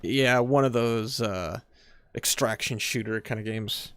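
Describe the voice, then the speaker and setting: A man's voice: lowish voice, unhurried, fairly bright tone, clean tone, no room sound. A man chatting casually with friends while playing a video game, laughing easily. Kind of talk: casual gaming chat.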